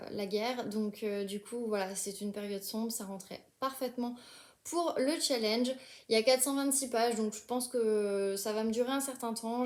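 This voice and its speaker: A woman's voice: fairly high pitch, roomy sound. A young woman talking casually about books she is reading, hesitant, with many fillers and restarts. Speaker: book vlogger.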